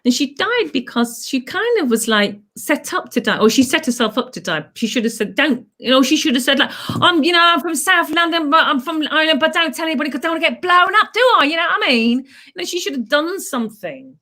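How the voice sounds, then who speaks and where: A middle-aged woman who teaches clowning, telling stories in a chatty, animated way. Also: sits high, fast talker, few pauses. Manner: chatty, animated storytelling with playful asides. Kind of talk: casual chat.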